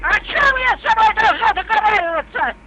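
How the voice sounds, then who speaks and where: An elderly woman with an extremely high, piercing voice that swings widely in pitch. She argues suspiciously and curses freely over a slightly noisy phone call. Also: huge pitch swings, brisk, pushed and bright. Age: older, elderly. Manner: combative, suspicious, foul-mouthed. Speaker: prank call victim. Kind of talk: argumentative phone talk. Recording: phone call with faint noise.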